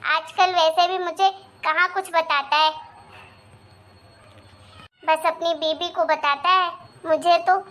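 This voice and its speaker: A woman voicing a jealous, complaining middle-aged mother in a cartoon, talking slower and lower than the others. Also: steady tone, fairly bright tone, full character voice. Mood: grumbling. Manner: complaining, sulky. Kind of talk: animated cartoon voice acting.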